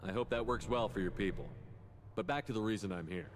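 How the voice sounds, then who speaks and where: A steady military commander played by a man in a video game. The voice is low, measured and matter-of-fact. It carries a long reverb over faint ambient noise. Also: close to an everyday voice. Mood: calm, inquiring. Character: steady male military commander, composed and direct. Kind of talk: scripted video game dialogue.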